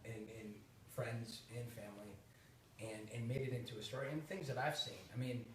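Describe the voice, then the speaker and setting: A man's voice: medium pitch, fairly even intonation, normal speed, noisy background. A man in his thirties from Boston with a Boston accent, chatting casually and animatedly, with lots of laughs and restarts. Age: 30s. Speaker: host. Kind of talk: casual chat. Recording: echoey room from far off.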